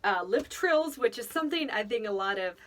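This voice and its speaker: A woman's voice: fairly high pitch, expressive, brisk, distant mic. A woman giving casual, rambling parenting advice, thinking aloud and laughing often. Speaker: speaker on children's faith formation.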